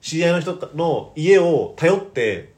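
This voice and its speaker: A man co-hosting a casual podcast chat, giving quick backchannels and teasing reactions. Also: on the high side, very animated, darkish tone. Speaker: podcast co-host.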